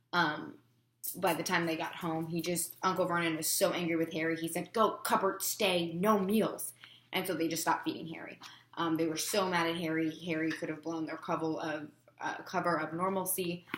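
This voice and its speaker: A woman's voice: low-pitched, reverberant. A woman teacher giving a chatty chapter review for her students, with lots of fillers.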